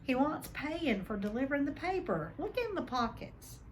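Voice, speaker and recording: A woman's voice: high voice, big pitch swings, moderate pace, voice pushed up. Woman reading as blustery, big-hearted giant man, noisy recording. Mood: sleepy grumbling. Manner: rough, colloquial speech with hesitations. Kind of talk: storybook read-aloud.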